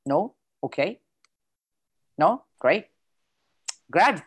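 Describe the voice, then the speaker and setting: A woman's voice: fairly low pitch, lively intonation, drawn-out words, slightly rough. A woman with an Italian accent moderating an online question session, casual and lightly joking as she reads out questions over a video call. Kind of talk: hosting an online Q&A.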